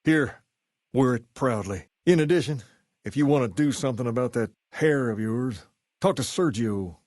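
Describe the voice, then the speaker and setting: A man playing a self-assured, folksy gang boss in a video game, with a Southern US accent and a measured way of talking. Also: medium pitch, darkish tone, no room sound, clean studio sound, close to an everyday voice. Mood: easygoing, assured. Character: charismatic, folksy male gang boss styled on a rock-and-roll idol. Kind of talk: video game character dialogue.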